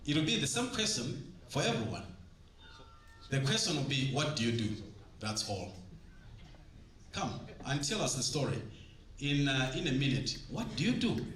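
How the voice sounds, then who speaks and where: A man's voice: mid-range voice, big pitch swings, moderate pace, long pauses, a bit bright, a little hiss or hum. A man with a Southern African English accent, a church leader, addressing a convention and coaxing the crowd with repeated instructions. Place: large convention hall. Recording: roomy hall with faint ambience.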